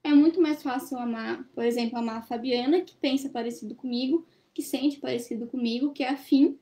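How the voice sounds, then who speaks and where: Young woman, study-group presenter; high and warm, reflective and questioning, laptop webcam in a small room. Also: steady tone, fairly quick. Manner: thoughtful, questioning the listeners. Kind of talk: reflective teaching talk. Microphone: laptop webcam on a video call.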